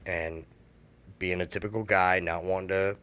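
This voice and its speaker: Very deep voiced guy in his 30s, halting emotional story, lots of restarts. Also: steady tone, a bit bright, clean tone. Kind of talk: candid personal storytelling.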